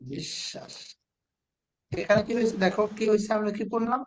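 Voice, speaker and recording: A man teaching a children's spelling class, with a slightly high voice. He speaks patiently and says each word slowly. He keeps asking the pupils to answer. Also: steady tone, slight background noise. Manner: patient, repeats words slowly and asks the children questions.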